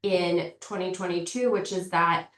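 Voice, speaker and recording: Woman, marketing professor, nasal from a cold, lowish voice, chatty online lecture, roomy echo, far from mic. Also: fairly even intonation, unhurried, a bit bright. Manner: informal and chatty. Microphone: video call. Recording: echoey, distant from the mic.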